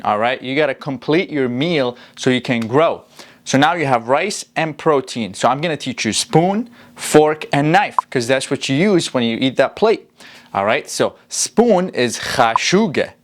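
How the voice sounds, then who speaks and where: A man with a mid-pitched voice teaches like a channel host chatting to learners. He is upbeat and informal, and he slows down to say key words clearly and repeat them. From Iraq. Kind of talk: casual language lesson with example sentences.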